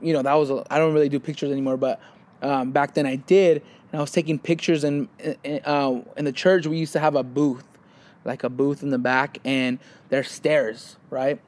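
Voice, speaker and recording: A man's voice: mid-range voice, normal speed. A young man co-hosting a casual chat podcast, telling stories and acting out what people said. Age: young adult. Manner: animated storytelling, acts out quotes. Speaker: podcast co-host.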